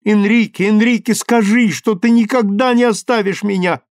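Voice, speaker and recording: A man voicing a passionate, lovestruck young woman in an audiobook, speaking in a high, imploring voice. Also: moderate pace, dry recording, clean studio sound, close to an everyday voice. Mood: desperate pleading.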